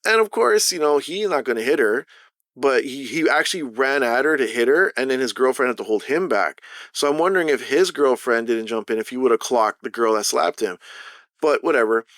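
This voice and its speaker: A man's voice: medium pitch, expressive, fairly quick, fairly bright tone, dry recording, clean studio sound. A Canadian man vlogging over gameplay, telling a story in casual, profane slang with lots of energy. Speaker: gaming vlogger.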